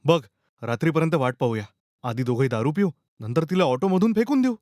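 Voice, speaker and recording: A man's voice: fairly high pitch, lively intonation, fairly quick, a little mellow, dry recording, studio quality, lightly acted. A young man acting an alarmed friend in a short film, scolding and agitated. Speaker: actor.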